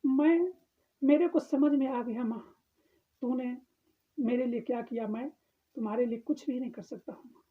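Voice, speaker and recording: A man's voice: extremely high pitch, steady tone, moderate pace, long pauses. A man voicing a grown son who speaks straight to his mother, pleading with her within a sermon story. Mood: remorseful. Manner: pleading, direct address to mother. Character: grown son, impatient then humbled. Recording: tinny phone-like sound.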